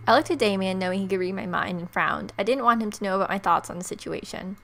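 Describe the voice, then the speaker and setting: A young let's-play host talks fast in a medium-pitched, slightly bright voice with vocal fry. Reading game narration aloud with expression, she throws in playful, offhand reactions against a backdrop of game music.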